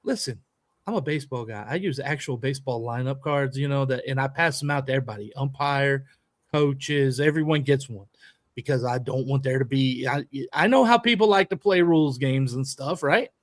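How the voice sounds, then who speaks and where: A man co-hosting a podcast, telling a story in a lively, emphatic way and acting out a heated argument. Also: medium pitch, moderate pace, no echo. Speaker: podcast co-host and youth baseball coach. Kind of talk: animated storytelling in casual chat.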